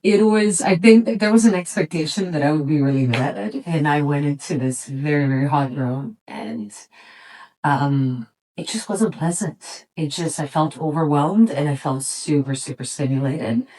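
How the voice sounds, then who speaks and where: A middle-aged woman from Serbia, a yoga teacher and studio owner, speaking reflectively as an interview guest, pausing and restarting as she thinks. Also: low voice, darkish tone, rough recording. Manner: thoughtful, reflective, with frequent pauses and restarts. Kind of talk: relaxed conversational interview.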